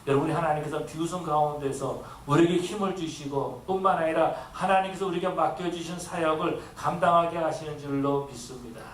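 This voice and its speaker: Echoey preaching man, slightly high voice. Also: a little fast, few pauses, a little hiss or hum. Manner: earnest preaching, acting out quoted voices. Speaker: pastor. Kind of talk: sermon. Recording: echoey room from a distance with faint ambience.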